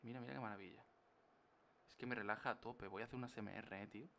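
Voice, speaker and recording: A man's voice: fairly low pitch, steady tone, fast, vocal fry, fairly bright tone, a little hiss or hum. A young man from chatting casually on a live stream while he draws, playful and full of slang. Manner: playful, slangy, jokey rambling.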